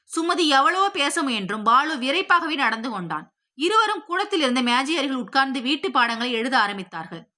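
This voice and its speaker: A woman narrating a story in a steady, expressive, scripted storytelling voice. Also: sits high. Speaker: audiobook narrator.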